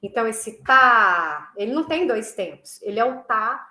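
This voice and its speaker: A woman teaching a recorded online music class, explaining patiently, checking in often with her students, and slowly chanting rhythm syllables as she demonstrates. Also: on the high side, expressive, pushed and bright. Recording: echoey room.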